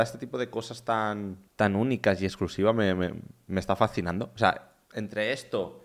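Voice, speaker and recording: Un hombre joven de España, streamer, comentando en directo con entusiasmo y muchas repeticiones desde su cuarto. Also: male voice, low-pitched. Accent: Spain Spanish. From Spain. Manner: enthusiastic, repetitive, chatty. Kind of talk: casual live-stream commentary. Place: his own room.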